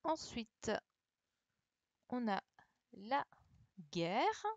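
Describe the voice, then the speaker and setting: A woman correcting a dictation for her primary school pupils in an online class spells letters with patience and checks they understand. She talks extremely slowly in a fairly high, sing-song voice. Her video-call computer mic yields a dull, lo-fi recording with no room sound.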